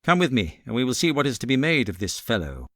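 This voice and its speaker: A British man voicing a suave, confident gentleman detective in a storybook reading, with a smooth, assured manner. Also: mid-range voice, big pitch swings, fast, no echo, studio quality. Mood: intrigued.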